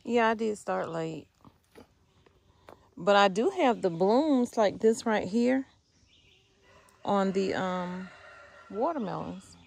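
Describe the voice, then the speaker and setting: A woman's voice: mid-range voice, animated, slow, vocal fry, long pauses, darkish tone. A woman, chatting and asking questions as she films a garden tour on her phone outdoors. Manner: chatty, asks lots of questions. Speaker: homestead vlogger filming a garden tour. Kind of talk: casual chat while filming. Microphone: handheld phone camera.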